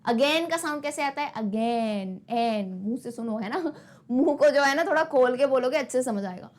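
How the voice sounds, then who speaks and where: A young woman teacher with a high voice walks a class through a lesson. She mixes Hindi with English words and keeps asking the students questions, then answers them herself in their voice. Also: animated, a little fast.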